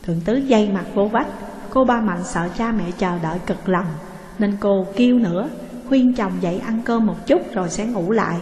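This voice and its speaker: A woman narrates a story in a steady, expressive reading voice at a middle pitch. The recording is roomy, with a long reverb trailing each phrase. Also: moderate pace, a little hiss or hum. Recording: echoey room with long reverb.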